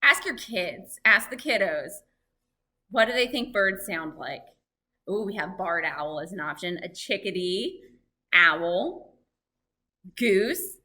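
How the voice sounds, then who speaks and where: A woman presenting a live, lively lesson for families, chatting and asking her audience questions. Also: medium pitch, slow, long pauses. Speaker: library program presenter on birds.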